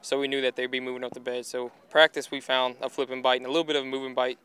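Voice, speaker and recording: Flat fast young male angler. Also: mid-range voice, clear, resonant tone. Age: young adult. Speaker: college angler. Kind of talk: casual interview.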